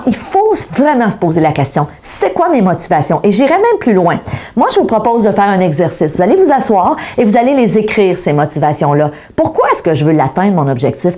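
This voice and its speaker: Addressing viewers directly in an online coaching session, a middle-aged motivational speaker asks them rhetorical questions. She has a Québécois French accent and a warm, mid-range voice.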